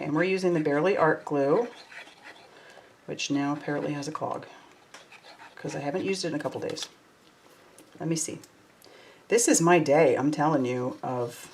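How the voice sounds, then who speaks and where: A woman's voice: low-pitched, creaky, a little hiss or hum. Chatty woman crafting live. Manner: chatty, reads out viewer comments, warm and effusive. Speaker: crafting livestream host. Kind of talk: casual live chat while crafting.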